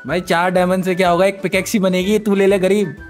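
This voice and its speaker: High-voiced teasing young streamer man. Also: flat delivery, fast talker. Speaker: gaming streamer. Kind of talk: casual Minecraft role-play banter. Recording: game music behind voice.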